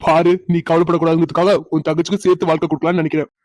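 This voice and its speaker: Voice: medium pitch, little pitch movement, very fast, a little mellow, no room sound, lightly acted. A performer voicing a playful young husband in a cartoon who teases his wife with chuckles. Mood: teasing. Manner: teasing, chuckling. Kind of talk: cartoon voice acting.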